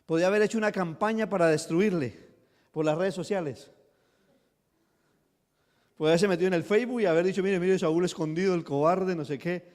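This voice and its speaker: High-voiced man preaching a sermon. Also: long reverb tail. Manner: preaching with sudden bursts of loud emphasis and quick acted asides. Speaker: pastor. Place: church hall.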